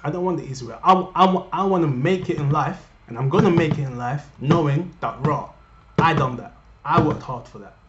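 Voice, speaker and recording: A young Cameroonian vlogger rants earnestly to camera from his living room, speaking fairly quickly in a slightly high, fairly bright voice. He's impassioned, addresses viewers directly and repeats himself for emphasis. His desk webcam gives roomy, dull lo-fi audio with a little hiss or hum.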